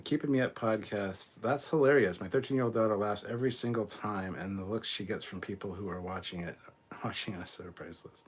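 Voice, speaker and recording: A man hosting a live stream, reading viewer comments aloud and answering them in a relaxed, chatty way. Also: fairly low pitch. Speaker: host of a live fan show.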